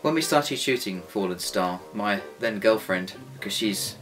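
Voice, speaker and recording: A deep-voiced man jokes around in an animated yet unhurried way, often poking fun at himself. He co-created and acts in a home-made series and is chatting casually in an interview, with guitar music playing behind him.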